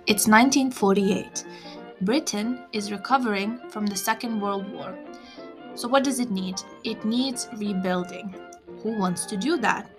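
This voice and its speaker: A young woman hosting a scripted podcast, explaining in a measured way with wry asides. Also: medium pitch, music in the background. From Lithuania. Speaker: podcast host.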